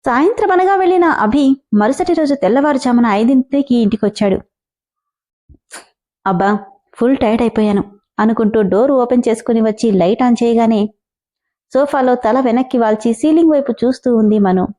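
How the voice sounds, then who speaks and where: A woman storyteller reading a serialized drama aloud in a steady, dramatic way. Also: fairly high pitch, brisk.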